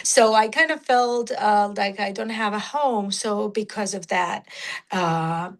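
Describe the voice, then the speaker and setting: A young woman from Georgia, raised in Russia, with a Russian accent and a low alto voice with natural rasp, speaking haltingly in an interview with many fillers. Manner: halting, many fillers, non-native grammar. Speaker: musician guest. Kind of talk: casual interview talk.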